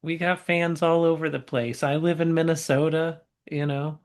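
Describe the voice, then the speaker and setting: A woman from Oklahoma with a faint drawl co-hosting a casual sports podcast, bantering at an easy, unhurried pace. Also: low-pitched, steady tone, darkish tone. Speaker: podcast co-host. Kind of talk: casual chat.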